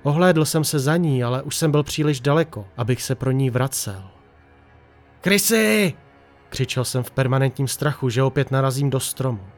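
A man narrating a horror story in a tense, hushed storytelling manner. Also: medium pitch, steady tone, few pauses, faint music behind.

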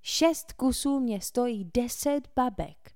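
Lady voicing a big reckless teen guy, slow whiny drawl, dry sound. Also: high voice, animated, a little mellow, smooth, dry recording, pitched above the performer's own voice. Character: big lazy reckless teenage boy.

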